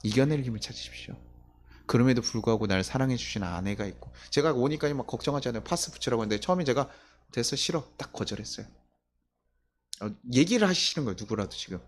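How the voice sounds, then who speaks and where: A man's voice: mid-range voice, expressive, quick pace. A man preaching a sermon as pastor in a church, talking conversationally with many rhetorical questions and chuckling at his own stories.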